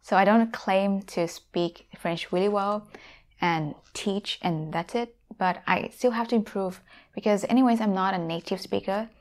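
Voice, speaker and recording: At a measured pace and medium pitch, a woman in her thirties from Thailand speaks English with a Thai accent. A YouTuber and language teacher, she talks casually and directly to viewers on a lapel mic, friendly in manner, from a room at home with guitars on the wall.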